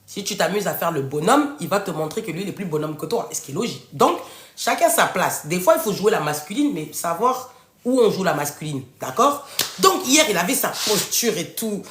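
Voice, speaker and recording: A woman hosting a casual live stream, giving relationship advice and answering viewers' comments in an expressive way. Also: on the low side, fairly quick. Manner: animated and expressive, addresses viewers directly and answers chat. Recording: echoey room.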